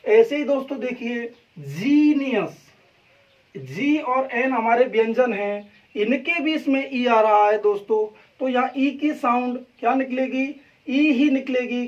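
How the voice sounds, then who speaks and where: Teacher quizzing and answering himself, distant. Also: male voice, extremely high pitch. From India. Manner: repetitive, answers his own questions, keeps saying "friends". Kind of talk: English pronunciation lesson. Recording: dull lo-fi sound from a distant mic.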